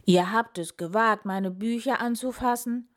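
A woman's voice: sits low, fairly even intonation, slow. A woman doing a grumbly big bear. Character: big grumbly male bear, gruff but kind.

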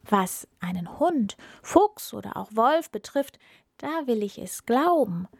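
Woman doing a high, eager storybook tomcat, crafty and flattering, dry close sound. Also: slow, gravelly, no room sound, heavily acted. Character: clever flattering male talking cat.

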